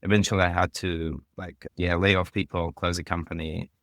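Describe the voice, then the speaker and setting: Low-voiced man, rambling guest. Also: flat delivery, normal speed, fairly bright tone, no echo, studio quality. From Kazakhstan. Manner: rambling, heavy use of "like". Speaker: podcast guest. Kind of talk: casual interview talk.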